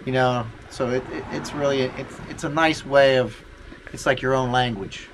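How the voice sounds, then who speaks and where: A man's voice: medium pitch, fairly even intonation, moderate pace. A man with a Pittsburgh accent in a casual interview, talking in a folksy way and repeating his phrases. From Pittsburgh, United States. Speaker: shop owner being interviewed. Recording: noisy location with vehicle ambience.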